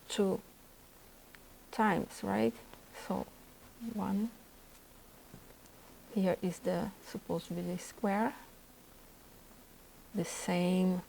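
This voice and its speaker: A native Portuguese speaker with a Brazilian Portuguese accent, this art instructor teaches a portrait drawing lesson, thinking aloud as she sketches in a drawing demonstration. Her mid-range voice is warm and gravelly. The audio is poor, with a little hiss or hum.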